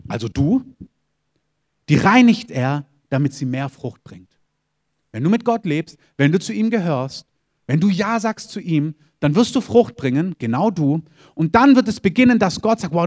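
A man's voice: fairly high pitch, a little mellow. A middle-aged man preaching a sermon as pastor, emphatic and repetitive, punctuating his points with calls of "Amen".

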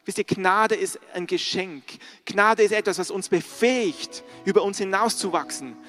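Earnest high-voiced male preacher. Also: moderate pace, pushed and bright, faint music behind. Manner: earnest, direct questions to the congregation. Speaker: pastor. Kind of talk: sermon.

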